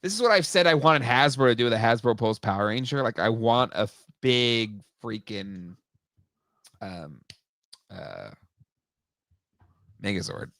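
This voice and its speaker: A man's voice: medium pitch, lively intonation, unhurried, gravelly, pauses often, fairly bright tone, no room sound, studio quality. A man hosting a casual talk show, rambling with lots of fillers and restarts. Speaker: podcast host. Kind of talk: casual chat.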